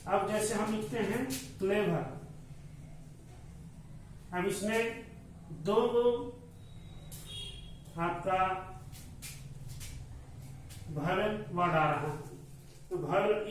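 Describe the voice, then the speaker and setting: Male teacher, slow and repetitive, high voice; recorded from a distance in a very echoey room. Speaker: school teacher. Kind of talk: classroom grammar lesson. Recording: echoey room, mic far off, faint noise.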